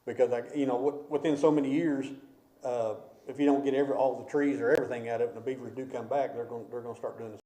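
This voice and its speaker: A man at a city committee meeting, talking in a rambling, halting way full of fillers. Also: medium pitch, steady tone, mellow. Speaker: committee member. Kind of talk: public meeting discussion. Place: council meeting room. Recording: echoey meeting room.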